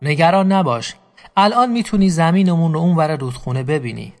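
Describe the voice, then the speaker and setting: A weary, protective farm worker talking in a calm, soothing way, as a storyteller puts him on. The voice is a man's, a bit high, with faint background music. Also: big-room sound.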